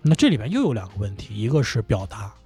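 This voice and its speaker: Husky man talking in lively bursts. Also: on the low side, fast, faint music behind. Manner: animated, laughs and swears when excited. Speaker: podcast guest, comedy company founder. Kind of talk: casual conversational interview. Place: indoor studio.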